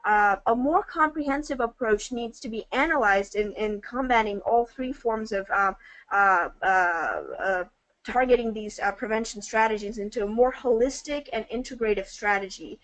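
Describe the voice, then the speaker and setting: Halting woman presenting a webinar topic. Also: a little high, a bit bright, no echo, poor audio. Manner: hesitant, many ums and uhs. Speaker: webinar co-facilitator.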